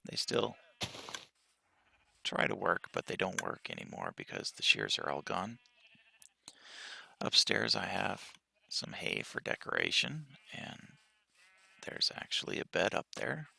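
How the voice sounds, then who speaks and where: A man giving a relaxed tour of his game world with a just-woken-up morning voice, pausing often and speaking softly. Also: deep voice, creaky, husky. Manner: relaxed walkthrough with frequent pauses and fillers. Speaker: game player.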